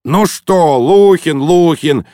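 A man voicing a brash, overfamiliar man who teases and shouts in bursts, in an audiobook reading. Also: mid-range voice, lively intonation, measured pace, vocal fry, no room sound, clean studio sound, pitched above the performer's own voice. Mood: cheeky, brash. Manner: boisterous, teasing, shouty bursts. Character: brash overfamiliar loud man, mocking, pushy.

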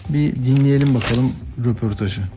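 A man's voice: mid-range voice, moderate pace, warm tone, faint music behind. A man hosting a news show, giving informal, rambling conversational commentary.

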